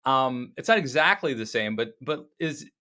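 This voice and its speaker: A man's voice: mid-range voice, expressive, moderate pace, pushed and bright. A man from Maryland hosting a podcast interview, asking questions conversationally and stumbling a little as he frames them. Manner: conversational, stammers while forming questions. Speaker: podcast host.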